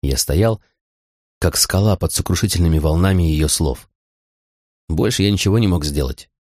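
A man reading a first-person novel aloud as an audiobook narrator, in a measured, even storytelling manner. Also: sits low, no room sound, studio quality.

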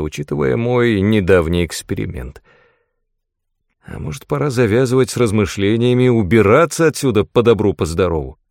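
Low-voiced expressive male narrator. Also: no echo, clean studio sound. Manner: expressive, dramatic storytelling. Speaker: audiobook narrator. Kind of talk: scripted first-person fantasy narration.

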